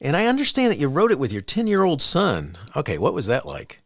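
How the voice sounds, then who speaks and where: A man's voice: fairly high pitch, huge pitch swings, a little fast, a bit bright, no room sound, clean studio sound. A man hosting an education podcast interview, reading a guest introduction and chatting loosely with many restarts. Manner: chatty, repeats words and restarts. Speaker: podcast host.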